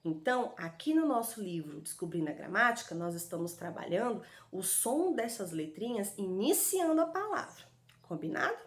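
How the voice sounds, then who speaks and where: A woman with a Brazilian Portuguese accent giving an online lesson to young children, sounding out syllables slowly in a sing-song, affectionate way. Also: medium pitch, very animated. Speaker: primary school teacher. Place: home recording with street dogs barking outside.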